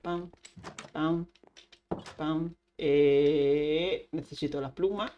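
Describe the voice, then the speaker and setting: Streamer, woman, lowish voice, playful running commentary to herself. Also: steady tone, extremely slow, mellow, muffled recording, a little hiss or hum. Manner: chatty, talks to herself and the game, sound effects like "pam". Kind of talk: casual Minecraft let's play.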